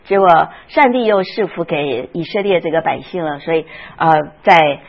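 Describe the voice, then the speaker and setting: A woman's voice: low voice, lively intonation, normal speed, dull audio. A woman teaching a Sunday school Bible class, often asking the class questions and retelling scenes with feeling.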